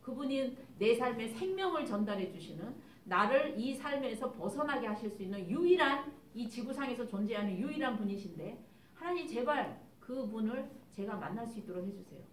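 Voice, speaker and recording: A woman's voice: a little high, expressive, a little fast, close to an everyday voice. Lady preacher doing a blind beggar guy begging for help, earnest and pleading, roomy echo, faint background hum. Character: desperate blind male beggar praying for help. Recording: echoey church hall, distant mic.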